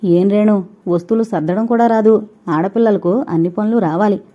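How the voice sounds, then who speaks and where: A woman's voice: mid-range voice, normal speed, lightly acted. A woman voicing a young husband who is possessive and sulky, talking in a coaxing way, on a dull lo-fi recording. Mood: teasing.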